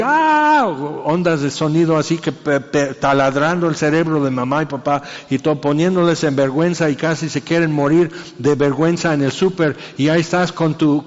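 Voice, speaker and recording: A man's voice: fairly high pitch, long reverb tail, muffled recording. A man preaching a sermon in a casual, joking way, acting out little scenes. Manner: conversational, acts out voices and jokes.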